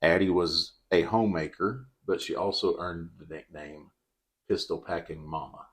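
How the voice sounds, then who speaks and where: A man with a very low voice tells a true-crime story to his podcast co-host. His delivery is dry and deadpan. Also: moderate pace, slightly rough.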